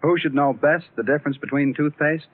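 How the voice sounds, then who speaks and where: A man's voice: on the high side, brisk. A male announcer doing dramatic, persuasive 1940s radio announcing and ad copy. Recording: tinny 1940s radio broadcast.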